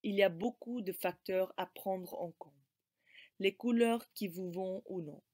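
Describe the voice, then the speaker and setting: A woman giving a scripted presentation of advice in a calm, advisory way. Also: medium pitch, a little slow, dry recording, clean studio sound. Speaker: student presenter.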